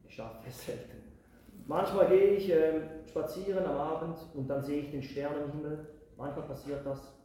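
A middle-aged man preaching a sermon, slow and earnest, building to loud emphatic declarations. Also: fairly high pitch, fairly even intonation, a little hiss or hum. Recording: very echoey hall.

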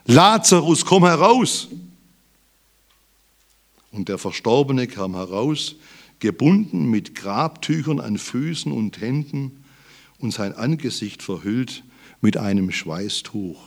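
Guy preaching a sermon real slow, reads scripture, gets loud and emphatic on big lines. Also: lowish voice, expressive, vocal fry. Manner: reads Bible verses aloud.

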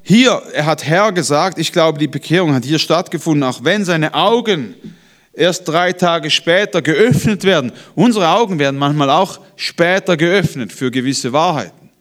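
A man preaching a sermon, swinging from loud emphatic lines to hushed, low passages. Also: expressive, moderate pace.

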